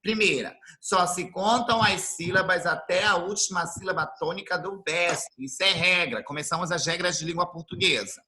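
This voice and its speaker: A man from Brazil teaching an online class, explaining things slowly and repeating his definitions. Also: sits high, pushed and bright, a little hiss or hum. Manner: slow, didactic, repeats definitions. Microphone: computer mic on video call.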